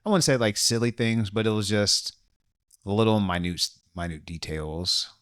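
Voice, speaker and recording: A man co-hosting a casual movie review podcast, laid-back and quick to laugh. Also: lowish voice, fairly bright tone. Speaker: podcast co-host.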